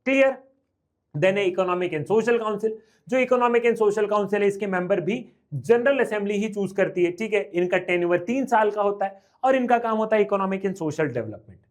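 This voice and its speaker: A young man teaching an exam revision lecture, lively and repetitive, often checking whether the class has understood. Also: sits high. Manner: reads English lines slowly, then explains quickly.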